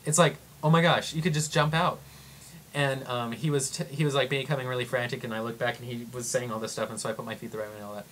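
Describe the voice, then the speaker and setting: A young man telling travel stories in a casual vlog, rambling and excitable, full of "like" and acted-out quotes. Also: mid-range voice, quick pace, a little hiss or hum. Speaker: vlogger.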